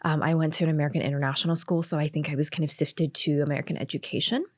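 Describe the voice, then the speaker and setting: A woman in her thirties from Hong Kong, a Chinese medicine practitioner speaking calmly and earnestly as an interview guest. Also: low voice, racing, dry recording, clean studio sound. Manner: calm, earnest, many soft fillers. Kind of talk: conversational interview.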